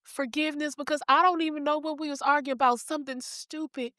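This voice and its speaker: A woman's voice: high-pitched, steady tone, fast talker, sharp tone, dry recording, studio quality. A woman hosting a podcast, talking in a heartfelt, affectionate, folksy way. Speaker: podcast host. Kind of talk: heartfelt casual chat.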